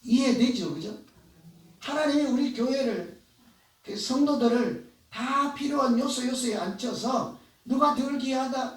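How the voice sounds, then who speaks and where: A man preaching a sermon as pastor, talking conversationally and asking the congregation questions. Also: very high-pitched. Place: church sanctuary. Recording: echoey church hall, voice from far off.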